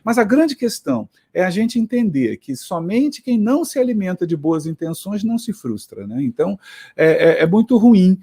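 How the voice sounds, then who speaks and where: A man's voice: high-pitched, sing-song, normal speed, mellow, slightly rough. A man with a Brazilian accent giving a motivational lecture to teachers, conversational and reflective, with frequent tag questions. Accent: Brazilian Portuguese.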